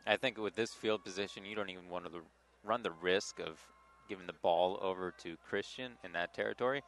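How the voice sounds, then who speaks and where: A man giving measured, analytical color commentary at a high school football game. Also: a bit bright. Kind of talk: sports color commentary and promo reads.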